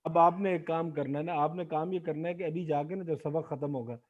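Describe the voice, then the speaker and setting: High-voiced man teaching Arabic grammar online. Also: fairly even intonation, phone-quality sound, over a noisy crowd. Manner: asks the class questions and has them answer aloud. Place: online video class. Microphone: video call.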